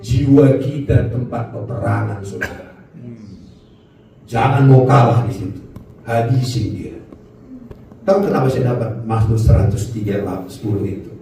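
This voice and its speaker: A man preaching a lively sermon as a pastor, his voice swinging between low and high. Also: moderate pace, far from the mic, noisy background. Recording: echoey hall, voice from the mic.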